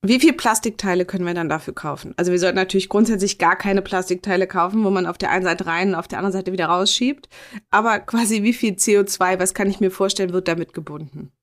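A woman's voice: mid-range voice, fast talker. Chatty self-mocking woman host, about forty. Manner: chatty, self-mocking, asks loose rambling questions. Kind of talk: casual interview chat.

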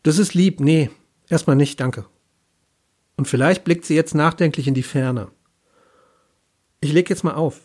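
A man with a husky voice voicing a blunt, cursing young woman with colorful hair, stranded on a phone call. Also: a little high, unhurried, long pauses, darkish tone. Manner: blunt, casual, sarcastic.

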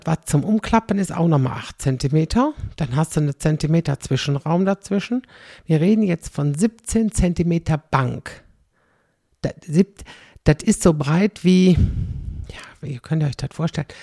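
The studio-quality recording, free of room sound, features a middle-aged comedian in a rambling, chatty stand-up set who keeps ending lines with "ne?". He speaks in a warm, husky, mid-range voice with vocal fry.

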